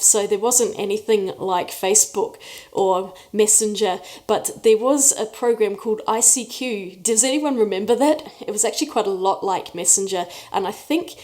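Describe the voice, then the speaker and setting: A New Zealand art YouTuber in her 40s chats casually in a Q&A vlog, laughing often as she tells stories. Her voice is medium-pitched and mellow, and she's in a room away from her usual studio.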